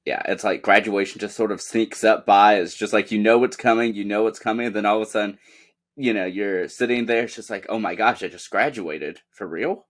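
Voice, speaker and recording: Low-voiced young man hosting a podcast. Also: a little fast. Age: young adult. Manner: friendly, hesitant, lots of "you know". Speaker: podcast host. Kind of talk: casual interview. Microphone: video call.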